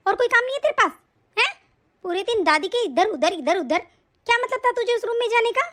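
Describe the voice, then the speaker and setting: A harsh, nagging daughter-in-law, as a woman plays her in an animated story. She scolds in a sharp, complaining tone. The voice is very high. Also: fairly quick. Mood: scolding. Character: cruel, scolding young daughter-in-law, mother.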